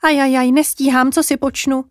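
A woman's voice: a little high, lively intonation, dry recording, studio quality, natural voice. A woman voicing a small, worried female jay bird in a children's story, talking in a fretful way. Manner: fretful, hurried.

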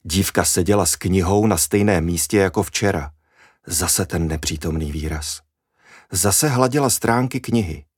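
A man reads a children's story aloud with lively expression. His voice is low and steady. The recording is close and dry, with no room sound. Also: breathy edge, dry recording.

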